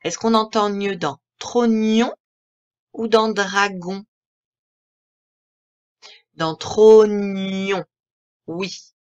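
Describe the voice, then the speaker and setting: Patient French woman teaching children slowly. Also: medium pitch, steady tone, muffled recording. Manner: slow, clear, patient, articulating each word. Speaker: primary school teacher. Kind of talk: remote reading lesson for young children.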